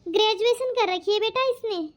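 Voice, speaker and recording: A proud, quick-tempered mother-in-law from a family cartoon, voiced by a woman. She fusses and scolds, always guarding her honour, and her voice sits very high. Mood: worried. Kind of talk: cartoon voice acting.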